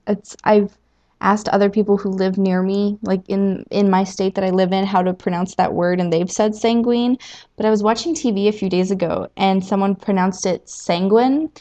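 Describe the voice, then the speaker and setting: A woman with a Southern American accent hosting a casual podcast news roundup, giggling often and filling pauses with ums. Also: mid-range voice, a little mellow. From United States. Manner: giggly, many ums and laughs. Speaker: podcast host. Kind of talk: casual news roundup, then reading a story.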